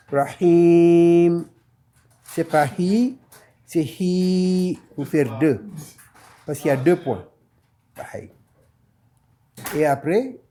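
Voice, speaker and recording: A man with a slightly raised pitch teaches Quran reading, taking his time over each letter. He repeats every point patiently and stretches the verse out when he recites it. The pace stays slow and careful throughout. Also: warm tone. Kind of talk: slow step-by-step lesson.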